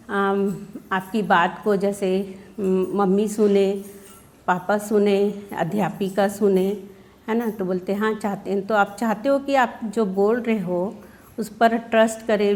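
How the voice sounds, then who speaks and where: A woman's voice: mid-range voice, darkish tone. A woman schoolteacher at a workshop, explaining how she teaches children, asking questions and acting out their answers. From India. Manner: explains with questions, often adds "है ना?". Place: workshop session.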